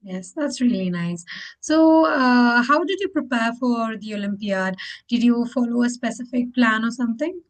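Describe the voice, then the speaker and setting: A woman's voice: on the high side, normal speed, rough recording. Encouraging woman hosting a campus interview. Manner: encouraging, repeats warm praise between questions. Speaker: interview host. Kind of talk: scripted interview questions.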